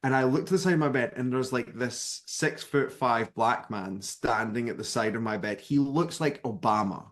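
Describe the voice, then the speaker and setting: A man's voice: medium pitch, normal speed, hardly any pauses. A man from Scotland in his thirties, a spiritual author telling a personal story as a guest and acting out the people in it. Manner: lively narrator who acts out the people in his story.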